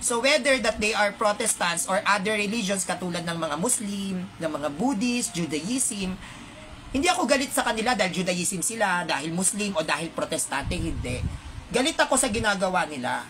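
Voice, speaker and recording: A woman's voice: mid-range voice, animated, moderate pace, a bit bright, faint music behind. A woman with a Filipino accent, delivering an indignant, heated monologue to her viewers with rhetorical asides.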